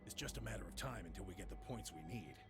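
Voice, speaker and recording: Gruff older game character, gravelly low voice, wide swings, dry and blunt. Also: male voice, animated, fast. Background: game music.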